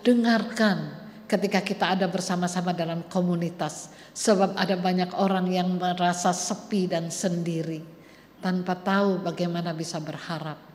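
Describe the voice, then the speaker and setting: A woman's voice: fairly low pitch, steady tone, normal speed, darkish tone. A woman preacher giving an earnest storytelling sermon in a church. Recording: echoey church hall, faint noise.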